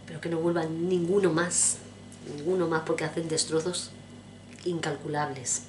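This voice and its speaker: A vlogger with a deep, low voice chats casually to the camera from home at a moderate pace. She rambles from one topic to the next, speaking directly and affectionately to her viewers. A steady background noise runs beneath the entire recording.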